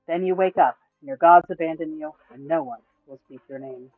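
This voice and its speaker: A man's voice: fairly high pitch, a little fast, no echo, soft background music, close to an everyday voice. A man voicing a proud, bitter undead lion-man warrior with a solemn manner. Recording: tinny, phone-like, dry.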